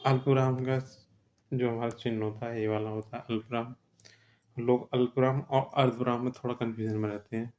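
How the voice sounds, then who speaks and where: A man's voice: mid-range voice, level tone, a little fast, a little mellow, lo-fi sound. A man teaching an exam-prep grammar lesson, explaining step by step and often checking with "theek hai".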